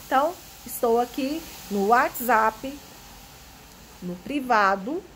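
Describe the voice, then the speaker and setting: A woman's voice: a little high, animated, slow, a bit bright, a little hiss or hum. A woman teacher explaining a lesson, reading passages aloud and asking the class rhetorical questions. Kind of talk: online Portuguese lesson.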